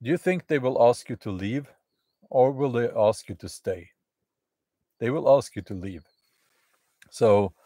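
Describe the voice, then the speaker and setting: Slow, halting man live from the woods. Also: medium pitch, vocal fry, dark tone, breathy edge, no room sound. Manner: halting, many fillers and restarts. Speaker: channel host. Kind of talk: live stream chat to viewers. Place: outdoors in the woods at a campfire.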